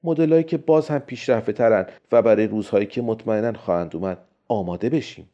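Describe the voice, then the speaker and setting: A man voicing a calm, friendly male robotics expert who patiently reasons his case, in a storybook reading. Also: lowish voice, close to an everyday voice. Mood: calm persuading. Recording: dull lo-fi recording.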